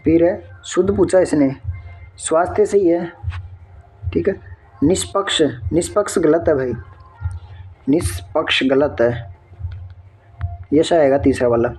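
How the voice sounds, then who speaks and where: A man's voice: on the high side, moderate pace, long pauses, dark tone, slightly rough, soft background music. A man working through an exam answer key step by step, often checking in with his viewers. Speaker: exam tutor.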